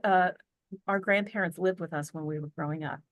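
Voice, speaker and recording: A woman's voice: lowish voice, fairly quick, no echo. Earnest chatty American woman on a video call. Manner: earnest, chatty, many fillers and restarts. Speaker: podcast guest. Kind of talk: casual storytelling interview.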